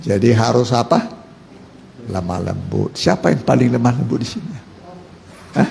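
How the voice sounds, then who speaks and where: Gravelly pastor quizzing his church. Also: medium pitch, lively intonation, normal speed, darkish tone. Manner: quizzes the congregation, jokes, repeats key words. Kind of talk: interactive sermon with call and response. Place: church hall. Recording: echoey church hall with faint noise.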